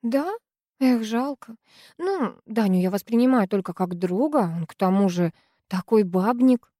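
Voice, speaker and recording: A woman's voice: medium pitch, lively intonation, a little slow, dark tone, dry recording, studio quality. A woman voicing a chatty, gossipy teenage girl in an audiobook, talking in a bubbly, gushing way.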